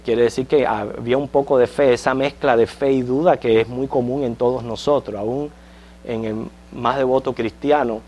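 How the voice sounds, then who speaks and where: A man's voice: mid-range voice, darkish tone. Man teaching a conversational Bible lesson. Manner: conversational, checks in with listeners with frequent questions; tells light jokes to the class. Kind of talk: Sunday school Bible lesson.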